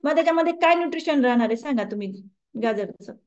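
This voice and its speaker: Woman, wellness coach, high voice, conversational lecture, muffled lo-fi sound. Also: lively intonation, fast, darkish tone. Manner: conversational, asks the audience questions. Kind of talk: lecture to a group.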